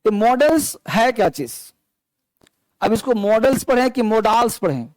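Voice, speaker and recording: A man's voice: high voice, very animated, normal speed, no room sound. A man teaching an English grammar class to students in a classroom, talking straight to them and asking the class questions as he explains. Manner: addresses students as children, asks the class questions. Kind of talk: classroom lecture. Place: classroom with students, also streamed online.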